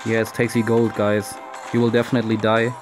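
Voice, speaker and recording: A man's voice: on the low side, completely flat delivery, brisk, over music. A young man with a German accent commentates a strategy game he is playing at home, cursing at his troops and talking to his viewers. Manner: frustrated, swearing, talks to viewers. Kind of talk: casual gameplay commentary.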